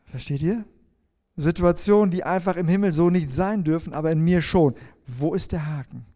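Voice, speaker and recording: A man's voice: a little high, normal speed, mellow. A middle-aged man preaching a sermon to his congregation, asking them questions and demonstrating with a folding rule as he talks. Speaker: pastor.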